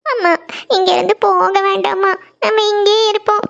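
A woman's voice: very high voice, level tone, normal speed, vocal fry, fairly bright tone, muffled recording, slight background noise, full character voice. A woman voicing a tearful teenage daughter in a cartoon, with a pleading manner.

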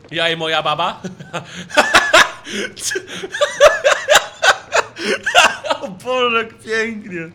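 A young man giving live commentary on a horror game, yelping and shrieking when scared and muttering low in between. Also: measured pace, background noise. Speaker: streamer.

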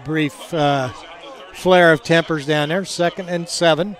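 Higher-voiced man calling football over crowd noise. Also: steady tone, unhurried, a bit bright. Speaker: football play-by-play announcer. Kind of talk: live sports commentary. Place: outdoor college football game. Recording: crowd noise behind, outdoor stadium. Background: game crowd.

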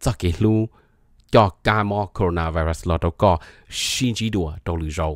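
Male presenter, low pitch and dry sound, casual educational talk; reads brief phrases and unpacks each at length. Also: moderate pace, a little mellow, no room sound. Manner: reads short English phrases aloud, then explains them at length.

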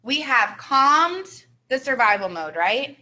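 A woman co-presents a training seminar, and her voice has a bright, forceful edge. She explains classroom strategies in an upbeat, clear way. Faint hiss sits under the recording. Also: high-pitched, very animated, slow pace, low-quality recording. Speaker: early childhood trainer.

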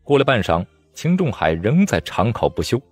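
A man giving expressive audiobook narration of a martial-arts novel. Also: medium pitch, moderate pace, dry recording, faint music behind. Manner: lively, expressive storytelling. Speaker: storyteller.

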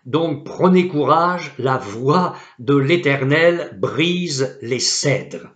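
A male pastor delivers a sermon in a measured, unhurried cadence with a fairly high voice. He reads scripture solemnly and with great deliberation. The recording carries a noticeable room echo. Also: animated, fairly bright tone, muffled recording. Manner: slow, deliberate preaching with solemn Bible quotations.

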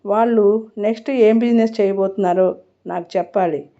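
A man's voice: steady tone, normal speed, mellow. A woman reading the lines of a ruthless male mafia boss in a storybook reading, with a cold, threatening manner, on a muffled recording. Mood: menacing. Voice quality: deep bass voice.

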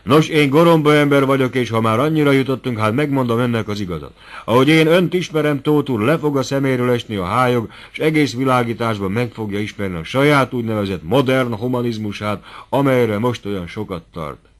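A man voicing a blunt, heated middle-aged doctor who lectures loudly and forcefully in an audiobook. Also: medium pitch, voice pushed up, close to an everyday voice. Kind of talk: audiobook character voice.

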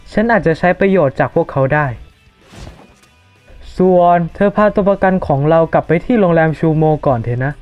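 A manga fan-dub reader who voices every character in a mid-range voice. The recording is dull and lo-fi, with soft background music running under the voice. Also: medium pitch, animated, moderate pace. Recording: dull lo-fi voice-over with faint music.

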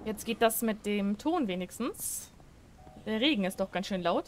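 A woman's voice: mid-range voice, animated, normal speed, a little hiss or hum. A woman giving joking, chatty commentary while playing a horror game, talking to viewers at a desk microphone. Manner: chatty, joking, shrieks when startled. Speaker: gaming streamer. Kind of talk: let's play commentary.

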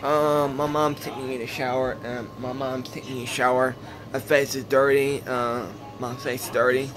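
A man filming a casual home vlog, speaking haltingly and repeating his phrases with many fillers. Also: medium pitch, little pitch movement, a crowd in the background. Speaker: vlogger. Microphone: phone.

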